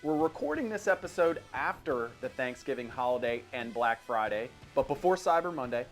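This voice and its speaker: Very animated at a moderate pace, a middle-aged American man with a mid-range voice hosts a podcast chatting casually about firearms. His humor is wry and jokey, and soft music plays in the background.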